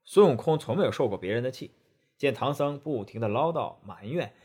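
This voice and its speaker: A male storyteller narrates a children's tale with a lively, rising-and-falling voice. His tone is a little husky and breathy. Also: medium pitch, fairly quick. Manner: expressive, animated telling.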